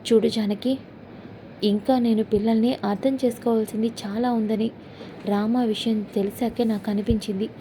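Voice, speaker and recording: A woman voicing a calm, fatherly middle-aged head of the family in a serial recap, speaking earnestly and reassuringly. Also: medium pitch, slight background noise, close to an everyday voice.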